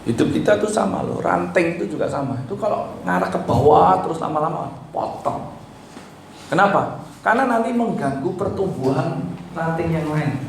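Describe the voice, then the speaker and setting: A man preaching a sermon, pleading and emphatic, swinging between loud and soft. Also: a little high, lively intonation, moderate pace, vocal fry. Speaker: pastor. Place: church hall. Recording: echoey church hall with faint noise.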